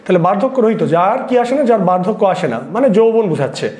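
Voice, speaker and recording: Male lecturer with a Bangladeshi Bengali accent, high voice, exam-prep class, poses and answers his own questions, echoey room. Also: expressive, racing, a little mellow. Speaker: teacher.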